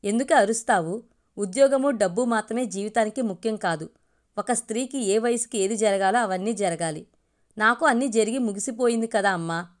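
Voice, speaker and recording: A woman's voice: medium pitch, normal speed, close to an everyday voice. A woman voicing a firm self-reliant daughter. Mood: defiant.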